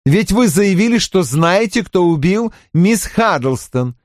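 A man doing a cold, high-voiced doctor. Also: lively intonation, slow pace, dry recording, studio quality. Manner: cold, clipped. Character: cold, sharp male doctor.

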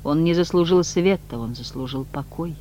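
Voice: medium pitch, fast, highs cut off, a little hiss or hum, close to an everyday voice. A reader voicing a stern, bitter male disciple in a plain, earnest voice. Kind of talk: audiobook reading.

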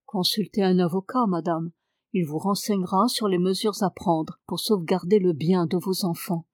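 A woman's voice: fairly low pitch, steady tone, moderate pace, a little mellow, dry recording, studio quality, natural voice. A woman reading the lines of a cold, terse male English lord who is a seer.

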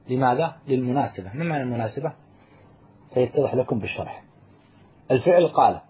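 A man's voice: medium pitch, breathy edge. A man teaching a grammar lesson, explaining each rule step by step and answering his own questions. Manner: spells out example words slowly. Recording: muffled lo-fi recording.

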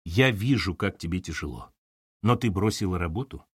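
A man's voice: deep voice, animated, normal speed, husky, no echo, clean studio sound, heavily acted. A man reading an audiobook, voicing a stern, commanding older mother who lectures her daughter. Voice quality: stern, authoritative.

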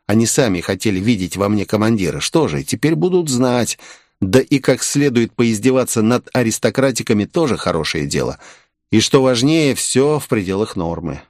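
A man's voice: fairly low pitch, lively intonation, normal speed, a little mellow, no echo, studio quality. A man reading an audiobook in the first person, curt and cold. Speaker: audiobook narrator. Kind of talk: audiobook narration.

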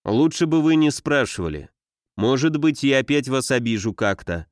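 A man's voice: mid-range voice, expressive, normal speed, no room sound, clean studio sound, close to an everyday voice. A male reader voicing an ardent, insistent young man in a read-aloud novel. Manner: passionate, insistent.

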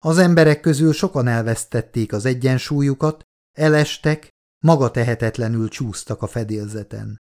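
A man reading a novel aloud as an audiobook narrator, in a steady, measured way. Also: medium pitch. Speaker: audiobook reader. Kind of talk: scripted narration.

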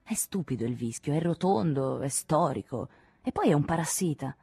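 An eager, insistent middle-aged man, always pressing his political cause in this audiobook scene, as a woman reads him. He comes across low and husky. The reading is dry and close. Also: animated, normal speed, a little mellow, no echo, faint music behind, full character voice. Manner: insistent, persuasive. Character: fervent middle-aged male political intellectual, teasing.

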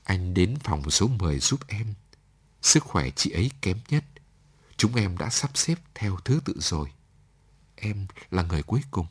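A man's voice: low-pitched, big pitch swings, measured pace, breathy edge, heavily acted. A man reading a story aloud, voicing a lonely young woman who pleads through tears and then turns firm.

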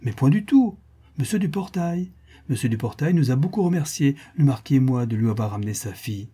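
A man's voice: medium pitch, animated, brisk, mellow, breathy edge. A man reading the part of a proud marquise, indignant and impatient.

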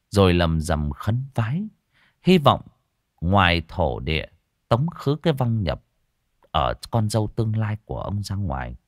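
A man's voice: deep voice, no echo, clean studio sound. A man narrating an audiobook story expressively.

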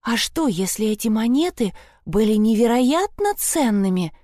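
A woman's voice: a little high, very animated, moderate pace, warm tone, no room sound, clean studio sound. Woman narrator as an imaginative storybook girl, eager and wondering.

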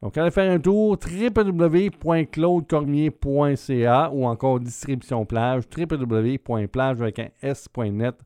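Man, radio host, slow delivery, smooth clear voice, dry studio sound. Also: mid-range voice, steady tone, warm tone, no echo. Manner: unhurried, with many filler pauses. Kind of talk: radio album review.

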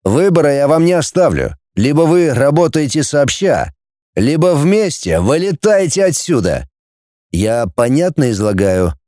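A man's voice: fairly high pitch, big pitch swings, measured pace, mellow, no room sound, clean studio sound. A man voicing a cold, haughty middle-aged male professor who speaks in an icy, superior, formal way.

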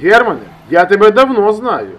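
Audiobook character: male reader doing a loud, pushy buddy shouting over a bad line, high and strained, husky. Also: wildly swooping pitch, brisk, full character voice. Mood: worried pleading. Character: agitated male friend shouting down a phone line.

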